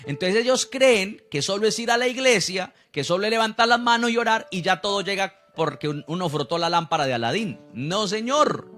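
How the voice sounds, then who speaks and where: A man's voice: high voice, expressive, brisk, hardly any pauses, bright, forceful tone, soft background music. A man preaching a sermon as pastor, asking rhetorical questions and acting out what people say.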